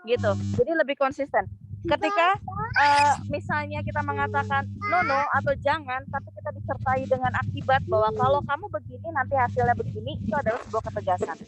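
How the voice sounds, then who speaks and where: A woman's voice: high-pitched, fast talker, over music, poor audio. A woman speaking as a guest, earnestly explaining parenting advice. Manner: earnest, explanatory, acts out example quotes. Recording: noticeable background noise.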